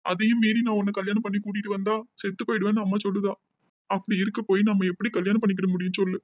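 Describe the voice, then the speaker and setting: A man's voice: high-pitched, little pitch movement, racing, no room sound, dull audio, lightly acted. A man voicing a tearful young village man with a Tirunelveli accent. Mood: pleading. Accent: Tirunelveli Tamil. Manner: tearful, pleading, anxious.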